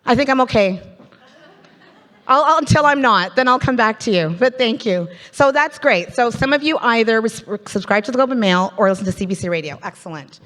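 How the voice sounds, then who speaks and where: A Canadian woman emcees a live business event, her fairly high, bright voice expressive and a little quick as she chats playfully with the audience. She speaks into a handheld stage microphone in a large conference hall, and the recording carries the hall's reverb.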